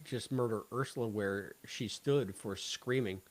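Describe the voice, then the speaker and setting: A middle-aged American man with a lowish, unhurried voice co-hosts a podcast, trading casual, dry jokes about a show. The recording quality is poor.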